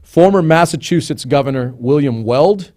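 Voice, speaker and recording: This live-stream host's voice is on the high side, expressive and darkish, at a moderate pace. He chats casually and drifts off topic while reading names from a list, with asides along the way.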